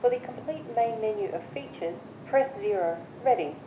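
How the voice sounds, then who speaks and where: A woman's voice: mid-range voice, animated, dark tone. Woman's automated voicemail prompts via speakerphone. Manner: measured, evenly spaced instructions. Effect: voicemail system voice heard through a phone speaker. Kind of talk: recorded menu prompts. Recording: muffled, echoey phone speaker with hiss.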